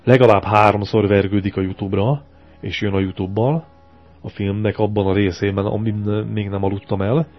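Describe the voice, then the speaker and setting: A man co-hosting a loose radio show, ranting about a film with crude, sarcastic jokes. His voice sits on the low side. The sound is dull and lo-fi, like a compressed radio archive. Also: steady tone, soft background music. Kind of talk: casual chat, film review.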